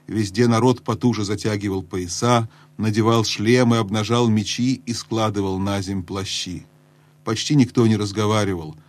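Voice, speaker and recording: A man reading a children's fantasy audiobook aloud in a measured storytelling voice that drops low and hushed in tense moments. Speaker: audiobook narrator. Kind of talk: scripted storybook narration.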